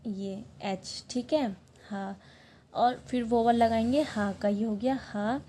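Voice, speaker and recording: A young woman teaching a language lesson, explaining words step by step, patiently repeating them slowly and checking in often. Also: fairly high pitch, warm tone, slight background noise. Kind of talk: online language lesson, writing on a board.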